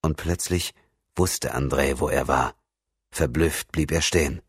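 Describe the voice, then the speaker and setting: Deep-voiced male audiobook narrator. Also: a little slow, slightly rough, dry recording, studio quality. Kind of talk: scripted narration.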